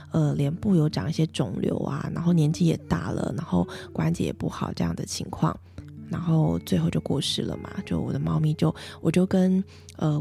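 A woman, gently and reflectively telling a personal story as a mother, with many soft fillers. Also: deep voice, vocal fry. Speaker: mother and vlogger.

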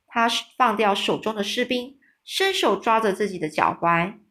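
A woman reading a children's story aloud, lively, pausing to explain hard words in plain talk. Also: medium pitch. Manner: lively, with small restarts.

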